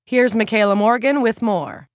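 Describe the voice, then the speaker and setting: A woman reading an audiobook, voicing a male TV news anchor in a crisp announcer cadence. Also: fairly high pitch, moderate pace, no echo, clean studio sound, voice pushed up, lightly acted. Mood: formal.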